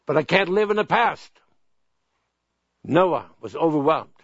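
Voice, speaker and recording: Earnest older male preacher, fairly high voice. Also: expressive, a bit bright, breathy edge, dry recording. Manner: earnest, pleading, repeats phrases slowly. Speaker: pastor. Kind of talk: sermon. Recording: dull dry broadcast sound.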